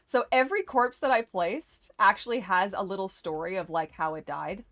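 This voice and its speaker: A woman's voice: mid-range voice, normal speed, fairly bright tone. A woman chatting casually as she plays a game for viewers, a welcoming and playful host who talks straight to her audience. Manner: playful, teasing. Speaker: host of a live game stream and community server. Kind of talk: casual chat while playing a game.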